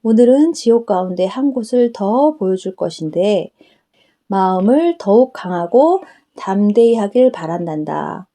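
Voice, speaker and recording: A woman's voice: mid-range voice, lively intonation, measured pace, mellow. A woman preacher voicing Jesus as a tender, solemn, fatherly figure who instructs her. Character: Jesus, gentle fatherly male divine voice.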